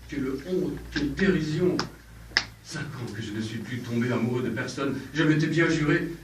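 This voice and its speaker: A man's voice: mid-range voice, moderate pace, background noise, close to an everyday voice. A man on an amateur stage playing a proud, flustered country landowner in love, declaiming and lurching between bluster and confession. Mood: flustered, proposing. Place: theatre stage. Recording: echoey, distant stage recording.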